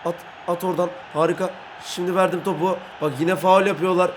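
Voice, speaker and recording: A young man doing brash, excitable let's-play commentary, talking to himself and his in-game teammates while playing. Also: sits high, fairly quick, a little hiss or hum. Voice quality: brash, excitable, swings between shouting and muttering. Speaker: gaming YouTuber.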